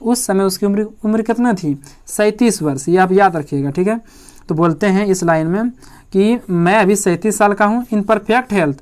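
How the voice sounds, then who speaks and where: A man teaching an exam-prep lesson in Hindi. He repeats each point, asks his own questions and answers them, and reads the English lines slowly, word by word. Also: high voice.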